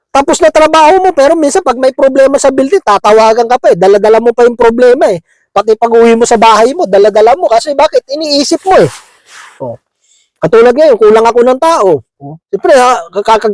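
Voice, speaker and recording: A man's voice: extremely high pitch, dry recording, low-quality recording. A man preaching a conversational sermon, chuckling often and checking in with his listeners, slipping English words into his talk. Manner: chatty, keeps asking "di ba?", chuckles often.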